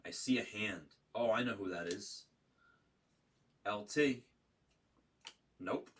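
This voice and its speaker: A man with a low voice hosts a card break in a casual, running commentary style. He calls out names and numbers in short bursts. He sounds some distance from the mic, with faint noise behind him. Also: slow pace. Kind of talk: casual running commentary while opening trading cards.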